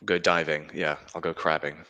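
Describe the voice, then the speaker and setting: Young guy from singapore, low but bright voice, hesitant, thinks out loud. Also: flat delivery, normal speed. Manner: thoughtful, hesitant, repeats words. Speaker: guest. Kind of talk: casual chat.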